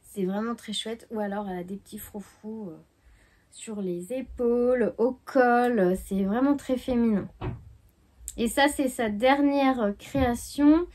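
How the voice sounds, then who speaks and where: Woman vlog host, slightly high voice, relaxed, hesitant chatter at home. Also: a little slow. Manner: chatty and hesitant, many fillers. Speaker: knitting podcast host. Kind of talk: casual chat.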